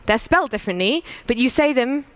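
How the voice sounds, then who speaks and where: A British woman giving a conference talk, brisk and persuasive, asking the audience rhetorical questions. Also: a little high, lively intonation, dry recording. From United Kingdom. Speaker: conference speaker.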